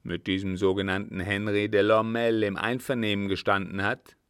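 A man voicing a commanding, scheming captain who speaks forcefully and urgently. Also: on the low side, little pitch movement, normal speed, clear, resonant tone, dry recording, clean studio sound, natural voice.

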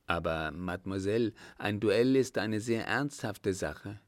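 A man voicing a courteous, proud young army lieutenant in a measured audiobook reading. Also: fairly low pitch, dry recording, clean studio sound, lightly acted. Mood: earnest.

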